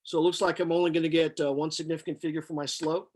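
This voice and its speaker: A man with a somewhat high-pitched voice teaches a class. He works through problems step by step, thinking aloud with halting pauses. His delivery is flat and matter-of-fact. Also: slightly rough. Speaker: chemistry lecturer. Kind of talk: lecture, working problems step by step.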